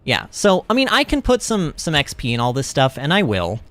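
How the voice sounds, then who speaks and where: A man's voice: fairly high pitch, wildly swooping pitch, fairly quick, fairly bright tone, dry recording. A young man chatting casually while livestreaming a video game, rambling, laughing often and reading chat messages aloud. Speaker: streamer. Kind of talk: livestream gaming commentary.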